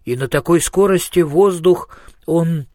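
A man's voice: fairly high pitch, measured pace, darkish tone, no echo, studio quality, natural voice. A man voicing an absent-minded male genius inventor who muses thoughtfully and trails off with hums. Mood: grave.

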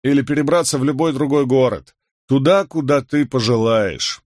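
A man's voice: medium pitch, moderate pace, a little mellow, dry recording, clean studio sound, voice pushed up, close to an everyday voice. A man voicing a weary, disgraced middle-aged nobleman, with a heavy, sighing delivery in an audiobook reading. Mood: earnest.

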